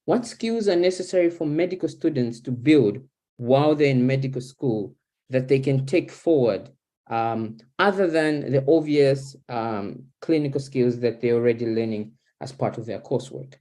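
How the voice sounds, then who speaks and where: A young man from Zambia moderating an online panel over a video call from a small kitchen, speaking in a measured, formal way. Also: medium pitch, mellow. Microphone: laptop webcam video call.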